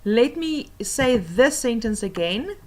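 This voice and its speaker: A woman teacher explaining tips for oral reading assessments, patiently and with many pauses and fillers. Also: fairly high pitch, expressive.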